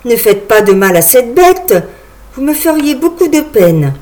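A woman's voice: a little high, very animated, a little slow, darkish tone. A woman reading the lines of a tender-hearted young woman in a storybook reading. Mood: pleading. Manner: pleading, earnest.

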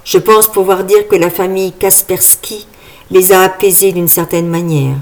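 A woman's voice: on the low side, steady tone, normal speed, a little mellow, close to an everyday voice. A woman reading a cold vengeful ghost man. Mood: menacing. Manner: detaches each syllable precisely. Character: vengeful dead man's spirit, cold and precise. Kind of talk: horror audiobook reading.

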